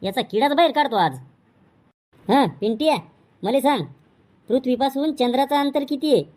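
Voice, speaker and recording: A woman's voice: sits high, normal speed, darkish tone. A woman voicing a bossy village schoolmaster, scolding. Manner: scolding, mocking, rustic insults. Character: bossy short-tempered village schoolmaster, male. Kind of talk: comic cartoon dubbing.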